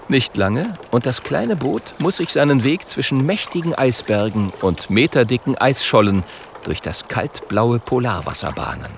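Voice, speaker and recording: A man narrating a children's audiobook in an unhurried, expressive way. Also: mid-range voice, vocal fry, slight background noise. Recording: faint music underneath.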